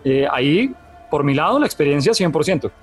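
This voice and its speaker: A man co-hosting a casual video game review chat, talking in a rambling, animated way and laughing as he goes. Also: a little high, brisk, faint music behind.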